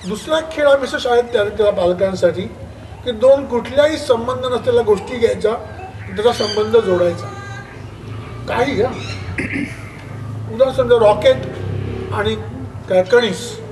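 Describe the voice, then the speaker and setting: A man giving a lively talk to parents at a school, acting out parents and children as he tells stories. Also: very high voice, moderate pace, pauses often. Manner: lively storytelling, acts out parents' and children's voices. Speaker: education speaker. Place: school hall. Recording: distant mic with clear background noise.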